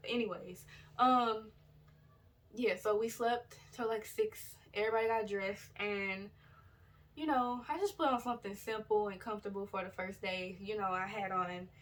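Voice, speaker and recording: A woman's voice: medium pitch, moderate pace. A chatty woman recounting her trip in a loose, rambling way, stopping to correct herself and talk straight to her viewers. Her voice sits in an ordinary middle register and comes across a touch distant from the device mic. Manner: rambling and loose, with many fillers and self-corrections; chatty and relaxed, addresses viewers directly. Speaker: vlogger. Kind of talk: casual storytelling vlog. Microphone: built-in device camera mic.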